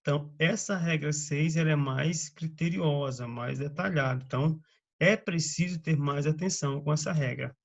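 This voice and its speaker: A man from Brazil, slowly giving a grammar lesson and reading out word lists with frequent checks on the listener. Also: a little high, gravelly. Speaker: teacher. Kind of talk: slow spoken grammar lesson.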